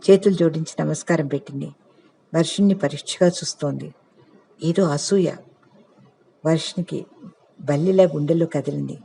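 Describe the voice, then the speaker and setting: Gravelly man reading a literary story. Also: on the high side, mellow. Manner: measured, reflective reading.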